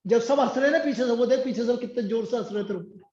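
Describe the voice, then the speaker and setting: A man's voice: very high-pitched, quick pace, darkish tone. A man teaching a math class, scolding and sarcastic as he presses a student for answers. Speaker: math tutor. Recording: echoey room, dull sound.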